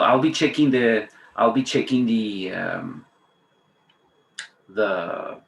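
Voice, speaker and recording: A fiftysomething man from Patagonia, Argentina, whose first language is Spanish, appears as a guest teacher trainer on a webinar, chatting hesitantly with casual asides. His voice is fairly low, gravelly, and fairly bright in tone. The indoor video-call audio is roomy and echoey.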